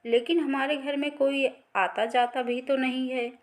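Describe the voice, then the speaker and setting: A woman's voice: high voice, steady tone, a little slow. A woman storyteller voicing a suspicious, scolding mother-in-law in a family tale.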